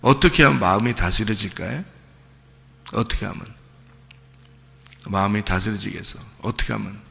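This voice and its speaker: A man preaching a sermon as pastor, animated, repeating phrases and asking his congregation questions. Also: fairly low pitch, moderate pace, gravelly. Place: church sanctuary. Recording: long reverb of a church hall.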